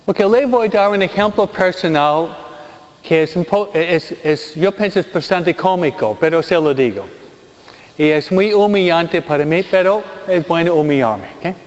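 This sermon, woven with a personal anecdote, comes from a Michigan man in his sixties whose voice is high and whose preaching is slow. He's deliberate and repeats phrases to drive points home, recorded with dull sound in a hall with long reverberation.

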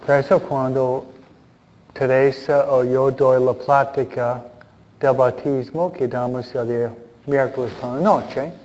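Slow-paced priest, dull muffled recording. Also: male voice, steady tone, darkish tone, big-room sound. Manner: deliberate, with frequent pauses. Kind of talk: Gospel reading and homily. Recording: dull, muffled low-fidelity sound.

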